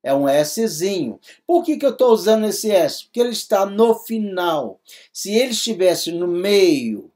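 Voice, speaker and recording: Patient man teaching in Portuguese, mellow. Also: sits high, sing-song, measured pace. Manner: patient, explains step by step with many checking questions. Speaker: Greek teacher. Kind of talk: recorded classroom lesson.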